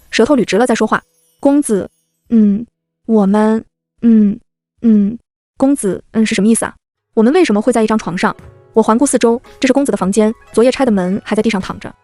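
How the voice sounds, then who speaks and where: A woman's voice: on the high side, a little mellow. A woman narrating a playful first-person story and voicing every character herself.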